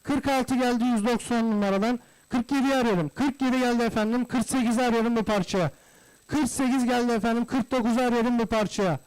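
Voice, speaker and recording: A man's voice: extremely high pitch, fast, darkish tone, clean tone, low-quality recording. A man working as a livestock auctioneer, calling out bids in repeated phrases and addressing guests formally and courteously. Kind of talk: live auctioneer calling bids, repetitive price chant.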